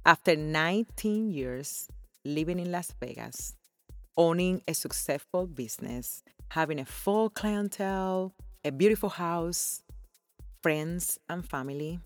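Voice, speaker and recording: This personal podcast monologue comes from its host, a woman from Cuba in her forties who talks effusively and earnestly and laughs a lot. She has a lowish voice, captured with no echo.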